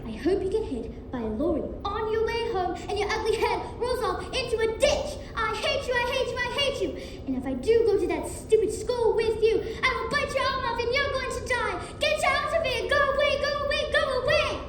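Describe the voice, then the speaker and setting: Woman as a very high-voiced defiant orphan girl. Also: lively intonation, moderate pace. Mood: furious. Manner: stubborn, childish bluntness. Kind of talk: stage play acting. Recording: distant, echoey, noisy stage recording.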